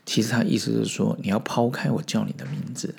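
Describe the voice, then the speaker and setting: A man hosting a podcast, explaining a Zen koan in a relaxed, conversational storytelling manner. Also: lowish voice, fast, gravelly, breathy edge. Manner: relaxed, explanatory, with frequent fillers. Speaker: podcast host. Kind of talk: storytelling commentary on Zen koans.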